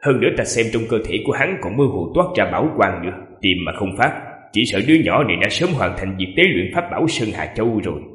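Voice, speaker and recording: Guy putting on a sly teasing master from a cultivation storybook, low and quick, echoey. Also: very animated, a bit bright. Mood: reassuring. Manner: teasing, knowing advice. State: sore throat. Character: teasing older male sect master, sly and fond. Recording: echoey, long reverb.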